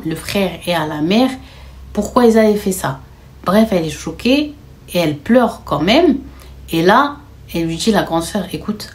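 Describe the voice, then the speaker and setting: A woman's voice: mid-range voice, a little mellow. A young woman telling a dramatic story in a casual, conversational storytime style, with slang and fillers.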